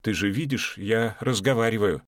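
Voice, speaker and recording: A man's voice: lowish voice, moderate pace, no room sound, clean studio sound, lightly acted. A man playing a sullen drunk grumbler.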